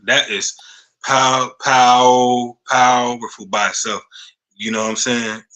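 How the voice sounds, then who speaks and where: Slow, halting man in his thirties. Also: mid-range voice, sharp tone, poor audio. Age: 30s. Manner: halting, repeats words, frequent "you know what I'm saying". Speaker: podcast host. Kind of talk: casual interview chat.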